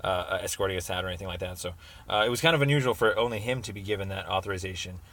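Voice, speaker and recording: Racing along in a low, slightly bright voice, a male caller lodges a complaint over a recorded phone line. He talks informally, hesitating and rambling as he explains.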